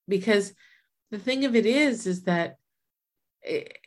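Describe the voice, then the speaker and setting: In a casual chat, a woman in her forties speaks earnestly at a slow pace and medium pitch. She thinks out loud and often starts her sentences over.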